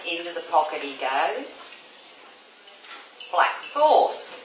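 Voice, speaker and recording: A woman's voice: fairly low pitch, sing-song, drawn-out words. Woman telling a fond story. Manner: chatty storyteller, laughing. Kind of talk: anecdote told on stage. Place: live event venue. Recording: echoey room from far off, clear background noise.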